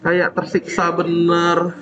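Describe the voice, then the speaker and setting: A man with a fairly high voice calls out names in a classroom at an unhurried pace, teasing his students now and then. The recording is dull and lo-fi. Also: monotone, fairly bright tone. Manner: casual, teasing, checks each student one by one. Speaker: teacher. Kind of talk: classroom roll call.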